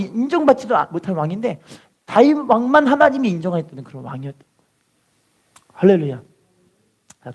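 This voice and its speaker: A man preaching a lively sermon, often calling out hallelujah and putting rhetorical questions to the congregation. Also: sits high.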